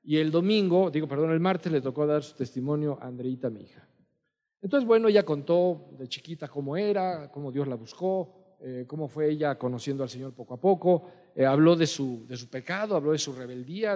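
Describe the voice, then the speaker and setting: A middle-aged male pastor delivers an earnest, emphatic sermon, circling back to repeat his key lines. His voice sits a little high for a man. The sound rings with the long reverb of a large hall. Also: brisk, dark tone. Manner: earnest, emphatic preaching with repetitions.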